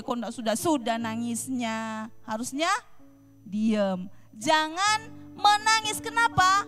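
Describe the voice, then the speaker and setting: A woman with a high voice teaches Sunday school, slowly unfolding a Bible story for children. She quizzes her young listeners and briefly acts out lines from the story. Soft music plays faintly behind her. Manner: animated, addresses children directly with questions.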